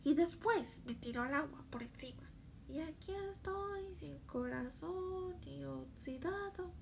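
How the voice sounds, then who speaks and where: A woman's voice: high voice, animated, measured pace, gravelly, noisy background, exaggerated voice. A woman playing a rusty, stiff male tin man who cannot move, in a children's stage play. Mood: wistful.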